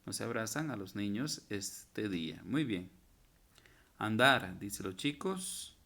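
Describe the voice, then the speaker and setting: A male teacher talks slowly through a grammar worksheet, leaving pauses between verb forms. His voice has a gravelly texture. He stops now and then to correct mistakes and misprints before moving on. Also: on the low side, very animated, bright, forceful tone. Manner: patient, spells out verb forms one by one; corrects himself and points out typos. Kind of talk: recorded grammar lesson.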